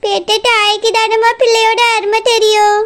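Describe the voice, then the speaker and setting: A high, bright cartoon voice of a sharp-tongued old grandmother, as a woman puts her on. She scolds and laments in a broad Tirunelveli accent. Her tone is bossy throughout. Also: completely flat delivery, moderate pace. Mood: scolding, lamenting. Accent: Tirunelveli Tamil.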